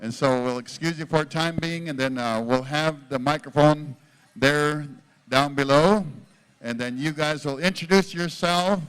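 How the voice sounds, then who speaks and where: A man gives informal announcements at a live event in a smooth, clear voice that sits a little high. He is plain-spoken and somewhat halting as he organizes things. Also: a bit bright, low-quality recording. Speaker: powwow announcer. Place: powwow at a casino event, over a PA.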